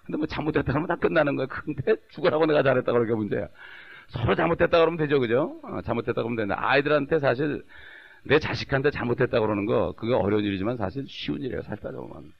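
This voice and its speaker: A man's voice: mid-range voice, racing, gravelly, breathy edge, lo-fi sound. A middle-aged man, a pastor, preaching a sermon in a conversational way and often asking the congregation whether they agree.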